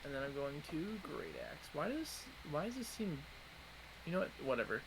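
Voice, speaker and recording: A man's voice: a little high, big pitch swings, normal speed. A man playing a tabletop game, hesitant and full of ums and restarts. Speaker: player. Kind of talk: casual tabletop game chat. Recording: noisy recording.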